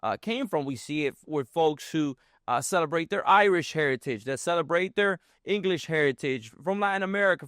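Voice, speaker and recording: Male political host, slightly high pitch, measured and hedging, dry close mic. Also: fairly bright tone, no echo. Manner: measured, hedging with fillers and restarts. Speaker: show host. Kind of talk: political talk show.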